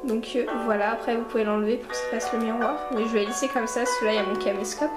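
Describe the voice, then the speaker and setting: A woman's voice: fairly high pitch, steady tone, very fast, reverberant, over loud music, poor audio. A woman beauty vlogger reviewing a makeup kit in a rambling, chatty way, talking straight to her viewers. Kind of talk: casual makeup review and tutorial.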